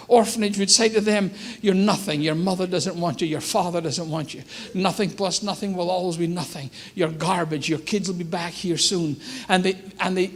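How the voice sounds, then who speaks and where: A Scottish man, a missionary guest speaker, giving a joking, exclamatory church talk. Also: high voice. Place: church sanctuary.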